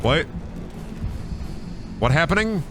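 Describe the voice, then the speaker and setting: A man doing comedic commentary on a game stream, crude, joking and animated. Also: a little high, slow pace, background noise. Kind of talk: comedic let's-play commentary.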